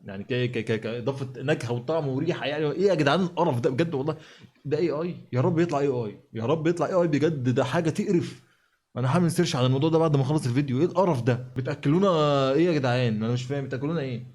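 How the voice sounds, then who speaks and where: A man's voice: mid-range voice, darkish tone. A man with an Egyptian accent hosting a reaction video, talking in an exasperated, sarcastic way. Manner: exasperated, sarcastic, rapid-fire. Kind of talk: mocking reaction commentary.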